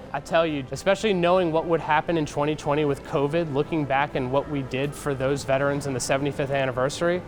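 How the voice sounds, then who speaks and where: A man's voice: on the high side, slight background noise. An American man in his thirties, earnest and articulate, recalling his work as a museum staffer in an interview. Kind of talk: interview, reflective recollection.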